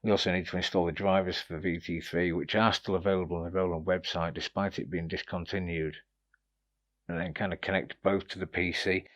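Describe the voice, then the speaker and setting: A gear reviewer presents a demo, casually explaining a product's features and tips with slight hesitation. He has a deep voice, and the sound is lo-fi.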